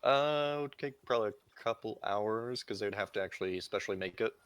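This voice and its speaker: A man with a lowish voice running a tabletop game. He explains rules and describes scenes casually, pausing with fillers. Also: fairly bright tone, clean tone, no room sound. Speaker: game master.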